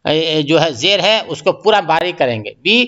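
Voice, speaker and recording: A man teaches Quran pronunciation in a patient, repetitive lesson style, drilling single sounds. His voice is bright and smooth. The recording is dull and lo-fi. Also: fairly high pitch, lively intonation. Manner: explains slowly, repeats sounds to correct pronunciation. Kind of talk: tajweed lesson with recitation examples. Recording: muffled lo-fi audio.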